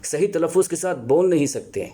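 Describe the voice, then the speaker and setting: A man lecturing as a teacher, earnest and explanatory, pausing often to find his words. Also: a little high, lively intonation, mellow. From Pakistan. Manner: earnest, explanatory, with many filler pauses and restarts. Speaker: Urdu teacher. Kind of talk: spoken lecture on teaching Urdu.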